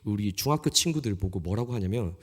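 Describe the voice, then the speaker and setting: Preaching in a church sanctuary, a man in his thirties shares a story about himself with humor and self-deprecation for a youth audience. His voice is lowish, expressive, quick-paced and slightly rough, and the recording rings with long hall reverb.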